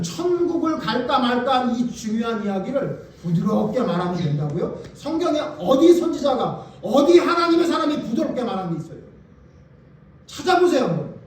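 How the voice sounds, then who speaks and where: High-voiced pastor preaching in an echoey hall. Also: male voice, big pitch swings, fairly quick, recorded from a distance. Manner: emphatic, fires rhetorical questions at the congregation. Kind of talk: sermon.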